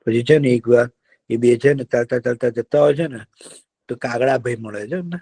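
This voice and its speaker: A man telling a folk tale to children in a lively, drawn-out, engaging way. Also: medium pitch, husky. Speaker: storyteller for children. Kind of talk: children's storytelling.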